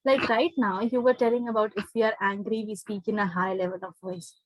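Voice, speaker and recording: A woman with an Indian accent teaches an interactive spoken English class in an online live session, speaking briskly at medium pitch with fairly even intonation. She gives instructions and often checks understanding with short questions. The low-quality recording has no room sound.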